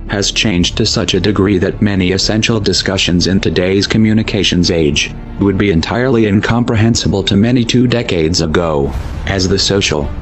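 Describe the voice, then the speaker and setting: Man with a disguised, very deep voice. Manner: grave, measured declaiming. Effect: disguised, pitch-lowered voice. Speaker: anonymous narrator. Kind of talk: scripted manifesto narration. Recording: dull lo-fi voice over loud music.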